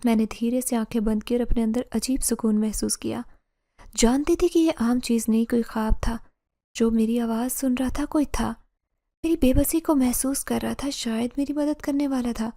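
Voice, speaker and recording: A woman's voice: a little high, fairly even intonation, mellow. A woman narrating a story in the first person with emotional, dramatic delivery.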